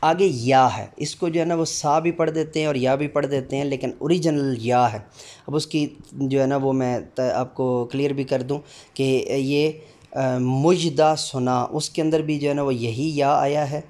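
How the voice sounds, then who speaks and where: A middle-aged male teacher explaining the Urdu alphabet, calling out each letter slowly with many fillers between explanations. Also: mid-range voice, steady tone, darkish tone. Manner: drawn-out letter recitation with frequent fillers.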